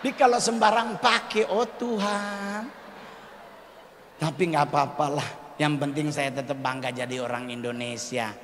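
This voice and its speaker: A man's voice: a little high, unhurried, a little hiss or hum. A man doing a stand-up comedy set, calling the audience "Pak" and crying out "aduh" again and again. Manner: addresses audience as Pak, loud exclamations of "aduh". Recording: live stage recording in a reverberant hall.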